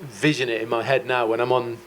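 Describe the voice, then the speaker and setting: A man's voice: mid-range voice, little pitch movement, brisk, a bit bright. A man giving a guitar masterclass, talking casually and rambling a little, with self-deprecating jokes. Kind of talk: casual explanatory chat.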